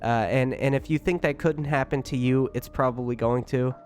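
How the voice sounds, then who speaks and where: With music in the background, a man hosts a casual livestream and keeps rambling chattily to his chat, informal and swearing. His mid-range voice has a darkish tone, fairly even intonation and a normal speed.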